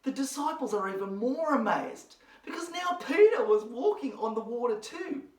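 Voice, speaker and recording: Lively Australian woman, kids' church presenter, animated storytelling, echoey room. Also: fairly high pitch, normal speed. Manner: animated, expressive, speaks to her dog. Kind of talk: children's Bible storytelling. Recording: roomy, from a distance.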